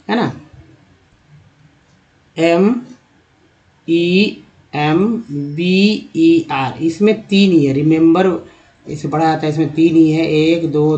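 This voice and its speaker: A man's voice: a little high, mellow, muffled recording. A man giving a spoken lesson on English pronunciation, spelling out letters and repeating words as he explains step by step. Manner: addresses viewers as friends, checks understanding. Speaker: English teacher.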